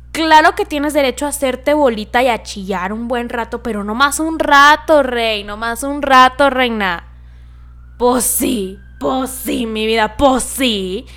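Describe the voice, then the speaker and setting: A young woman hosts a casual advice podcast as a monologue, sounding affectionate and chatty. She laughs often and sometimes drops to a soft murmur, and her pitch is fairly high.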